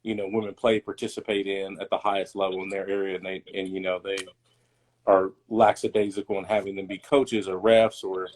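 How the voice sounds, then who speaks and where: A man's voice: low-pitched, flat delivery, a little fast, darkish tone. A man co-hosting a podcast livestream, talking in a laid-back, rambling way with lots of ums. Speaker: podcast co-host. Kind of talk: casual livestream chat.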